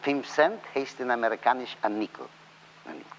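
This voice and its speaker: A man's voice: mid-range voice, fairly quick, slight background noise. A man with a Yiddish accent reciting a comic song-poem in a rhythmic, sing-song chant, full of playful repetition. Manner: lively, playful, repeats phrases with rising excitement. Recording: dull lo-fi recording.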